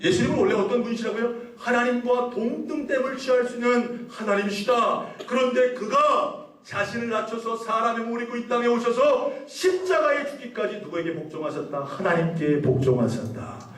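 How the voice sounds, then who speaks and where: A male pastor preaching a sermon, asking the congregation questions, leading them in call-and-response and reading scripture slowly with emphasis. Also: extremely high pitch, animated, a bit bright. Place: church sanctuary. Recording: echoey church hall, voice from a distance.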